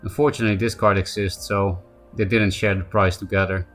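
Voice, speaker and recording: Over soft background music, a Polish-accented man with a low-leaning, steady voice plays a card game on a live stream. He keeps the talk casual and chatty, answering viewers by name and dropping quick asides.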